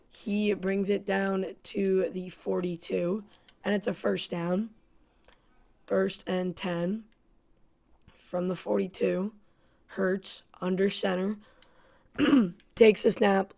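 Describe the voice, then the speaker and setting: A woman's voice: mid-range voice, creaky, darkish tone. A woman giving play-by-play commentary on her own football video game, frustrated and self-critical. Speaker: gaming YouTuber.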